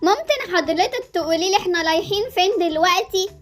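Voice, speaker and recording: A woman doing a very high, cheeky Egyptian girl. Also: animated, fast talker, faint music behind. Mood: confused. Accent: Egyptian Arabic. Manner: sing-song, defiant, talks back. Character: cheeky stubborn young girl. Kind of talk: Roblox series voice acting.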